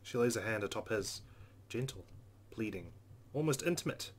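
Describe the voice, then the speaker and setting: Hosting a gameplay video, this man reads a visual novel aloud with expression, tossing in casual side comments. His voice sits on the low side, and he sounds animated at a normal speed.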